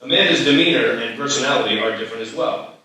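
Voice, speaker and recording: This bright-voiced man talks fast as he narrates stage directions at a live script reading, his pitch medium. Captured from a distance, the audio has heavy hall echo and some ambient noise.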